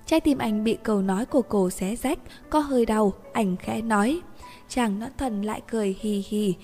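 A woman narrating a novel in an even, gentle storytelling voice. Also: on the high side. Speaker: audiobook narrator. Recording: reverberant room with faint music.

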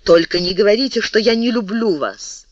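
A man's voice: normal speed, no echo, highs cut off, close to an everyday voice. Reader voicing a hesitant young king. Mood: subdued. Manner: quiet, hesitant, low-spoken.

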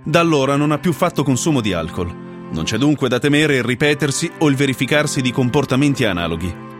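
A man playing a judge who reads out a court sentence in a measured, formal way, with music behind him. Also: medium pitch, close to an everyday voice. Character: stern formal judge reading a verdict.

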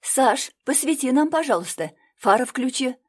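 A woman's voice: high-pitched, expressive, normal speed, breathy edge, pitched above the performer's own voice. A woman voicing an earnest young woman who pleads and reasons with friends. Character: earnest young woman, first-person heroine.

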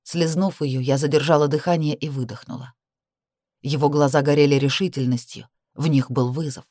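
A woman narrating a romance novel in the first person, in a steady, measured reading. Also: low voice, dry recording, clean studio sound. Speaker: audiobook reader.

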